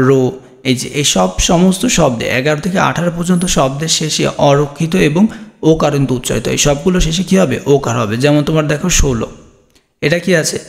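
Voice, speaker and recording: A man's voice: mid-range voice, gravelly. A man teaching an exam-prep grammar lesson, explaining step by step and answering his own questions.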